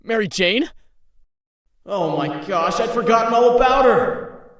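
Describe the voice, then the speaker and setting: A man performs a young, harried superhero from a comic dub, high-voiced and quick to quip. He talks to himself wryly. The sound is distant and swimming in echo, with music underneath. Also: lively intonation, fairly bright tone, exaggerated voice. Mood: alarmed, pleading. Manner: wry, quippy, talks to himself. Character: young male wisecracking superhero, weary and harried. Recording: very echoey, distant, music behind.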